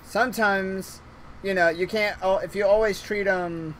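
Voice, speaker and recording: A man with a fairly high voice chats through a visual novel stream, rambling and restarting his sentences and breaking into laughter often. A faint hiss sits under the recording. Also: fairly even intonation, a little slow, fairly bright tone. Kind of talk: casual let's-play chat.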